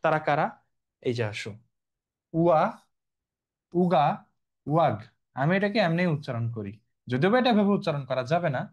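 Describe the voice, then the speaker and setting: A man's voice: a little high, lively intonation, fast. Chatty young male biology teacher. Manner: chatty, addresses students directly with frequent check-ins. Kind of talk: online exam-prep lecture.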